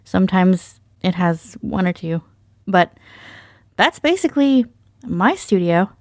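With a fairly low, darkish voice, a woman speaks animatedly at a measured pace, chatting as a podcast panelist who jokes and is self-deprecating. She's recorded close in a small treated spot, mic inside a foam-lined box, with no room sound.

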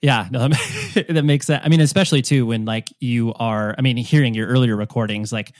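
A podcast host from the U.S. speaks a little fast in a mid-range voice. He chats casually with his guest, wandering through long turns that are riddled with restarts and fillers.

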